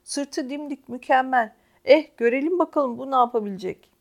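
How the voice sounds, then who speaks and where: A woman reading an audiobook, voicing a rowdy teenage boy who taunts and shouts at the others. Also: high-pitched, normal speed, vocal fry. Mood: taunting. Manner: loud, taunting.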